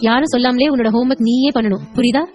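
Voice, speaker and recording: A woman's voice: fairly high pitch, fairly even intonation, very fast, darkish tone, faint music behind, natural voice. Woman reading a tired young mother. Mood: subdued.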